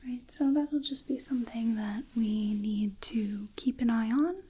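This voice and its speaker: A woman whispering softly in an ASMR roleplay as a dental hygienist, slow and reassuring, often checking in with a gentle "okay?", close to the mic. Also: on the high side, husky. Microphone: close sensitive mic.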